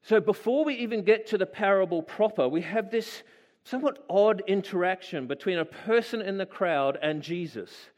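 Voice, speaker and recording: High-voiced man preaching a conversational sermon. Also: animated, moderate pace, darkish tone, big-room sound. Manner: conversational, musing, asks the listeners questions. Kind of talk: sermon with scripture reading.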